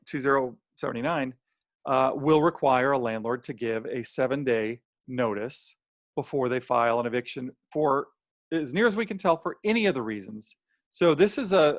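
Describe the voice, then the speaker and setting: An American man with a mid-range voice presents a housing law webinar in plain, conversational terms, acting out imagined quotes as he explains. His voice sounds slightly strained, and he clears his throat. The recording is dry.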